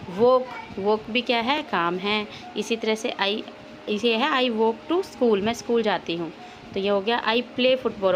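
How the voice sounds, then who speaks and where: Higher-voiced woman teaching a lesson. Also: noisy background. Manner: asks questions and answers them herself; mixes Hindi with English words. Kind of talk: explaining a textbook lesson.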